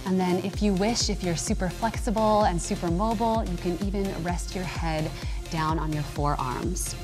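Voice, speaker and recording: A woman's voice: fairly low pitch, normal speed, over music. Upbeat woman trainer cueing yoga moves. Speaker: fitness trainer. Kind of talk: guided yoga instruction. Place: large indoor home gym studio.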